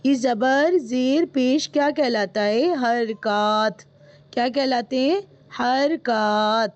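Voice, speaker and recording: A woman's voice: sits high, a little mellow, lo-fi sound. A woman teaching in a live online class, patiently explaining and repeating each point, then quizzing her students. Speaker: Quran reading teacher.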